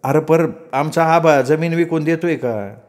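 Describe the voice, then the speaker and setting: A man's voice: fairly high pitch, unhurried, darkish tone, pitched above the performer's own voice, lightly acted. A man voicing a poor young farmer who speaks in a plain, grumbling, resentful way. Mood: weary. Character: young male farmer, poor, bitter, weary.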